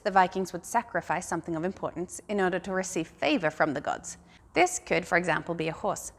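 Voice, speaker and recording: A woman giving a scripted guided tour as a museum guide, explaining things in a calm, measured way. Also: lowish voice.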